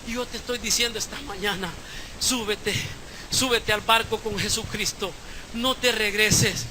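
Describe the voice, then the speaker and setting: A man preaching a sermon as pastor, moving from hushed storytelling to shouted exhortation. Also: high voice, fairly even intonation, a little slow, noisy background. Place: church service, live stream.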